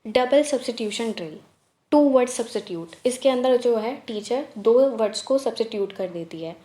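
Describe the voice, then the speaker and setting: Bright-pitched woman explaining a lesson. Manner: slow, deliberate reading of English headings; steady step-by-step explaining with many fillers. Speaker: teacher-training tutor.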